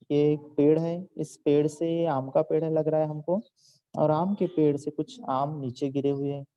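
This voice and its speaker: A man's voice: fairly high pitch, warm tone, muffled recording. A man teaching an online Hindi lesson to children, reading out words and explaining each sound patiently. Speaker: school teacher.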